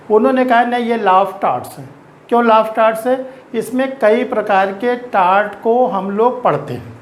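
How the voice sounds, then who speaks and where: A middle-aged male law teacher with an Indian accent gives an exam-focused lecture in a high-pitched voice, slowly stretching out key terms and mixing in English legal words. There is slight background noise.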